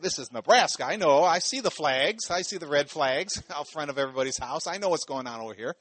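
A man's voice: a little high, lively intonation, brisk, fairly bright tone. A man from Ohio preaching a sermon in a loose, conversational way, full of "you know" asides and phrases repeated for emphasis. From Ohio, USA.

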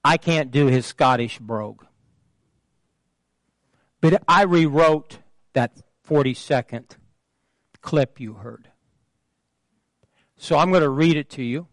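A man pastor preaching a sermon with call-and-response, emphatic, swelling louder and higher on key phrases. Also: slow, long pauses, no room sound.

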